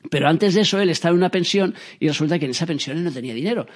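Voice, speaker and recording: Guy from telling a story about his dad, talks super fast, slightly high voice, does little voices. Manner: lively, acts out quoted voices, frequent restarts.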